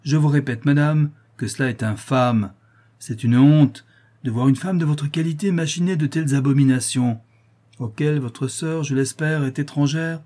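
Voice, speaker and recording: Casting: notaire d'âge mûr indigné, homme lecteur, ton déclamatoire, timbre mat. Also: male voice, on the high side, normal speed, warm tone, pitched above the performer's own voice, lightly acted. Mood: indignant. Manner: outraged, declamatory. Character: indignant self-righteous middle-aged male notary.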